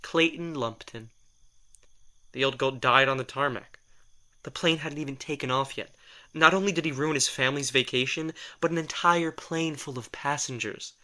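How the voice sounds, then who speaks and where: In this audio drama, a man voices a sardonic, exasperated male telepath who once worked as a writer's personal assistant. His tone is bright and forward at a typical male pitch, and he rambles wryly and defensively at normal speed, like he's in a casual chat.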